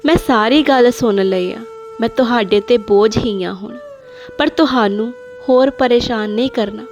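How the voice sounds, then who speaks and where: ਇੱਕ ਔਰਤ ਵੱਲੋਂ ਨਿਭਾਈ ਉਦਾਸ ਬਜ਼ੁਰਗ ਦਾਦੀ. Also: female voice, a little high, normal speed, a little mellow, dull audio, faint music behind, lightly acted. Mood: resigned. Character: old grandmother, meek and sorrowful.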